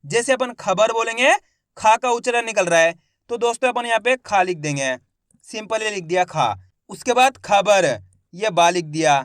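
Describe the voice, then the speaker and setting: Male teacher, high voice, dry close voice-over; sounds out each word syllable by syllable and quizzes the viewer. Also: moderate pace, fairly bright tone, no room sound. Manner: spells out words syllable by syllable, repeating each word; addresses viewers as friends, asks quiz questions. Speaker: Hindi reading teacher. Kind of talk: step-by-step literacy lesson.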